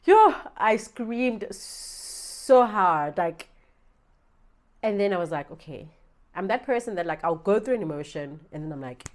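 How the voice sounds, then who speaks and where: Low-voiced South African woman telling a story. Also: slight background noise. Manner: animated, swears freely, swings from low asides to loud outbursts. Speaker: vlogger. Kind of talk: storytime vlog. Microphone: small handheld gimbal camera.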